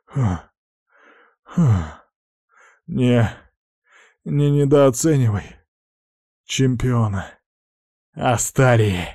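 A man voicing a badly wounded, stubborn young male warrior leader in an audiobook, speaking low and weak. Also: lively intonation, extremely slow, pauses often, warm tone, no echo, clean studio sound, heavily acted. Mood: defiant.

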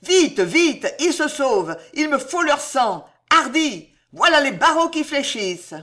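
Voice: medium pitch, sing-song, unhurried, a bit bright. A reader voicing a frantic, raging older male sorcerer who shrieks and curses in desperation. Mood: fevered.

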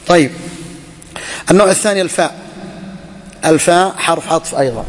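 A man's voice: fairly high pitch, brisk, in a large hall. A man teaching an Arabic grammar lesson to students, repeating each phrase and quizzing the class with questions.

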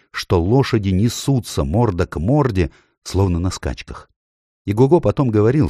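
A man reading a children's fantasy story aloud as an expressive narrator. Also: deep voice, no echo, studio quality. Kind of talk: audiobook reading.

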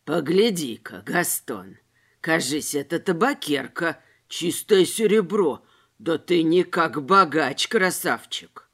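A woman voicing a noseless, mocking male street robber with a hoarse, wheezy voice and slow, sneering taunts. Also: sits low, expressive, voice pushed down, exaggerated voice.

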